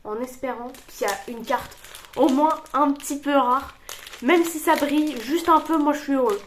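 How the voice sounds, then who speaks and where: A young woman streaming from a table at home, chatting casually while opening card packs and slipping into halting English. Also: high voice, slight background noise. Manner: chatty, thinking aloud, switching into halting English.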